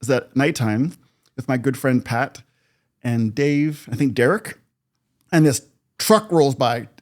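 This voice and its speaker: A man's voice: mid-range voice, slow pace. Reflective middle-aged man telling his story. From Canada. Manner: reflective, animated when recounting, laughs often. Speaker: podcast guest, producer. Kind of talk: personal storytelling in conversation.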